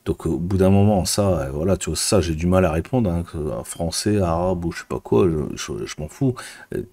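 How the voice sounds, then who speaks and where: A man's voice: sits low, animated, fairly quick, mellow. A man from France, a business coach, talking casually to camera in a rambling, blunt way with many fillers and restarts.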